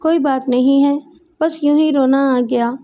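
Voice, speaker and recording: A woman's voice: sits high, fairly even intonation, a little slow, dark tone. A woman voicing a young factory worker who pleads and dodges questions in an audiobook story. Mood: pleading. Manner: pleading, evasive. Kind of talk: audiobook character voice.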